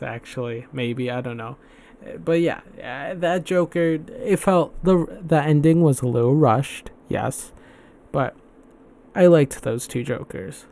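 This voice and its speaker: A man talks through a solo podcast in a loose, rambling way. He swears freely and stumbles through restarts. His voice sits at an ordinary middle pitch. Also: a little mellow, slight background noise. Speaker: podcast host. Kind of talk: casual solo podcast chat.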